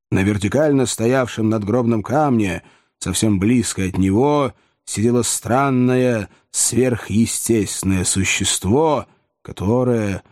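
A man narrating a story as an audiobook in a measured, steady way. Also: lowish voice, dry recording, studio quality. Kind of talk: audiobook reading.

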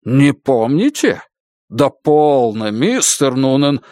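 A man voicing a pushy male lawyer who presses with sharp, needling questions. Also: medium pitch, very animated, slow pace, no room sound, studio quality.

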